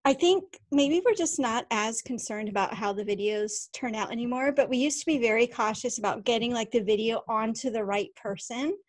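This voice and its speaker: A woman's voice: on the high side, moderate pace, few pauses. A middle-aged woman hosting a faith podcast in casual chat, upbeat and encouraging, laughing often. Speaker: podcast host.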